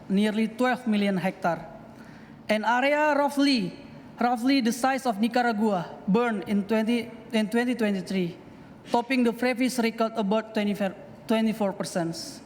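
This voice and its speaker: A man from Indonesia, a campaigner giving a press conference statement in halting, phrasing. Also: high-pitched. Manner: halting, non-native phrasing. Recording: echoey hall, faint noise.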